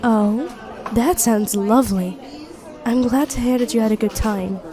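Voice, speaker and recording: With a crowd audible behind her, a woman with a natural voice on the high side talks a little slowly. In this intimate ASMR roleplay she acts as a chatty, friendly best friend who teases and hides a crush, voicing only her half of the exchange.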